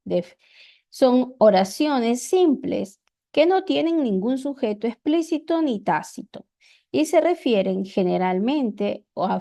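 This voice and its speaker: A woman teacher with an Ecuadorian accent, explaining grammar slowly and deliberately, repeating her examples. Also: on the high side, vocal fry, a little mellow. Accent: Ecuadorian Spanish.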